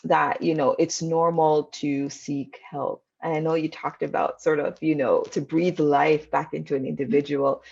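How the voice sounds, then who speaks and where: A woman's voice: deep voice, little pitch movement, moderate pace, vocal fry, few pauses, darkish tone, husky, lo-fi sound. A woman from Canada hosting an interview, summing up her guest's points in an affirming way with many fillers. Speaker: podcast host. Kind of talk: interview host recap.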